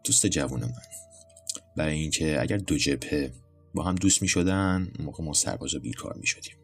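A man with a very deep voice playing an older male veteran corporal who speaks in a dry, wry way. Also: soft background music.

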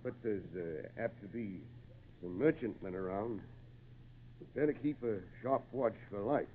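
An actor playing a gruff, kindly old fisherman with salty, folksy talk in an old-time radio drama. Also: lowish voice, a little slow, a little hiss or hum, natural voice. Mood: calm, wary. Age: older. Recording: muffled, narrow-band old radio recording.

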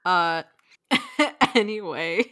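A woman's voice: fairly low pitch, expressive, extremely slow, fairly bright tone, no room sound, studio quality. A young woman co-hosting a casual podcast, rambling with lots of filler words and frequent giggles. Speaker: podcast co-host.

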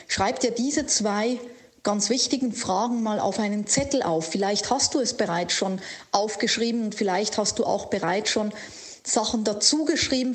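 A woman life coach giving a motivational monologue, speaking slowly and earnestly straight to the listener. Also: medium pitch. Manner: earnest, slow and emphatic, speaking directly to the listener.

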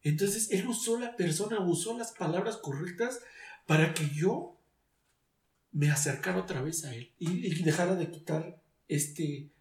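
A man's voice: high voice, a little slow, a little mellow. A man giving an emotional personal testimony, earnest and searching, often restarting his sentences. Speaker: guest giving a faith testimony. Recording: echoey room, distant mic.

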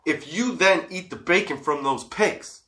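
A man's voice: fairly high pitch, a little slow, bright, forceful tone. A man hosting a casual, comedic solo podcast, stoned and rambling, giggly, drawing out the odd word. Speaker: podcast host.

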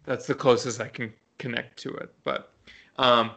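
A man's voice: mid-range voice, steady tone, moderate pace, vocal fry, pushed and bright, breathy edge. A man co-hosting a podcast, chatting informally and restarting mid-thought as he talks. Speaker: podcast co-host. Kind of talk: casual podcast chat.

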